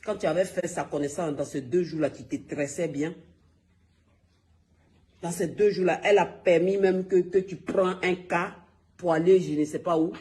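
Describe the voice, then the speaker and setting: A man's voice: high voice, normal speed, a little mellow. A man ranting into his phone on a gossip livestream, repeating himself emphatically and talking straight to his viewers. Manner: emphatic, repetitive, addressing viewers directly. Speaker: gossip live-streamer. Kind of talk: heated phone livestream rant.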